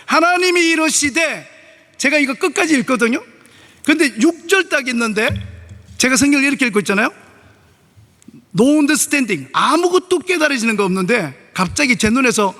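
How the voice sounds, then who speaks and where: A middle-aged male pastor with a strikingly high voice delivers an animated, story-driven sermon. He slips into different voices as he acts out conversations. The sound carries a long church reverb. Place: church sanctuary.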